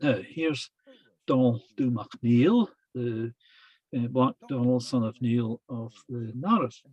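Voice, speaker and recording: A man giving a lecture that retells traditional tales, speaking in a halting, deliberate way. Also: medium pitch, husky, lo-fi sound.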